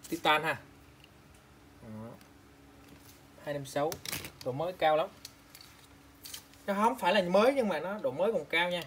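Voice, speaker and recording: Casting: man from Vietnam, slightly high voice, chatty seller talking to viewers, faint room noise behind. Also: expressive, measured pace, pauses often, a bit bright. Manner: chatty, repeats prices and specs, calls out to viewers. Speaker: online seller of used eyeglasses. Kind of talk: casual product showcase.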